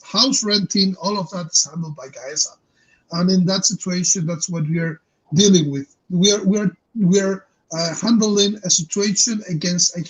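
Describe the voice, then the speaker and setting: Husky-voiced earnest male host. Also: sits high, a bit bright, poor audio. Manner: earnest, halting with fillers. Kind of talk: discussion panel.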